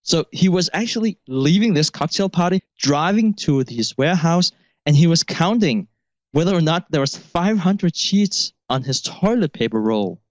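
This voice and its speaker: A man's voice: on the high side, lively intonation, moderate pace, no echo, dull audio. A man co-hosting a podcast, telling stories in a casual discussion with an amused manner. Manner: amused storytelling, laughs mid-sentence. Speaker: podcast co-host.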